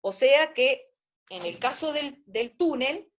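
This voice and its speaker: A woman's voice: sits high, lively intonation, slow pace, fairly bright tone, muffled recording. A woman giving a university lecture over a video call, her voice cutting out and stuttering from a bad connection, checking in with students as she explains. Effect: choppy audio cutting out over a video call. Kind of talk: online lecture.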